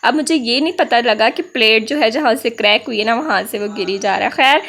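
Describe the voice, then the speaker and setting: A woman's voice: fairly high pitch, a little fast, fairly bright tone. A young Pakistani woman with an Urdu accent touched by Punjabi, chatting through a vlog voice-over and stopping often to laugh. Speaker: vlogger. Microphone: voice-over mic.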